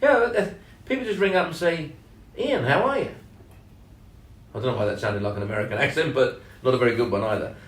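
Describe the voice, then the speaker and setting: A man co-hosting a casual podcast, speaking in a measured, hesitant way with many ums and leaning hard on key words. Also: mid-range voice, lively intonation. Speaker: podcast co-host and sales trainer. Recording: roomy echo, mic at a distance.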